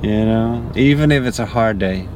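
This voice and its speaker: A man chatting casually as an interviewer, gently prompting in a sympathetic way. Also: on the low side, moderate pace. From outside the United States. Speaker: driver and interviewer. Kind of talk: casual chat. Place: inside a car. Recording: faint car noise.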